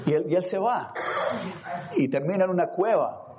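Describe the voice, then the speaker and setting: A man delivers a sermon in a slightly raised voice, swinging between hushed reflection and loud, dramatic bursts. He sometimes drops in an English word. A congregation is clearly audible in the room. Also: high voice, animated, moderate pace, crowd noise. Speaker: preacher.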